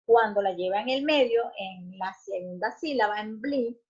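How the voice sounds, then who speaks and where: A woman teacher explaining grammar, checking in often with short questions and filling pauses with "este". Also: medium pitch, darkish tone, slightly rough. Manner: explanatory, checks in with "¿ok?" and "¿verdad?", frequent restarts and "este" fillers. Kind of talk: recorded grammar lesson. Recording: muffled lo-fi recording.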